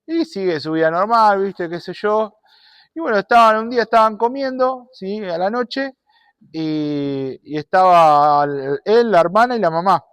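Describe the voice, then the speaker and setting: A man preaching a sermon and telling a story, animated, shifting between loud and soft. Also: high-pitched, unhurried, smooth, no echo.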